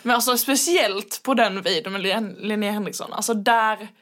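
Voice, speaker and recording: A woman's voice: mid-range voice, a bit bright. A woman hosting a casual interview who asks rambling, enthusiastic questions full of fillers. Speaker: host.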